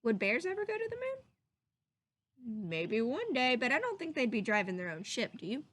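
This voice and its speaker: A very lively, high-pitched teacher reads a picture book to children at a moderate pace. Her expressive storybook delivery stretches out words and includes questions put to her listeners.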